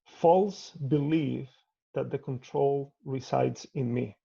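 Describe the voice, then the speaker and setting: A man's voice: mid-range voice, creaky, dark tone, slightly rough, dull audio. A man from Cuba, an artist talking thoughtfully in a video call interview from home, often restarting his sentences. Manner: measured, thoughtful, with frequent restarts.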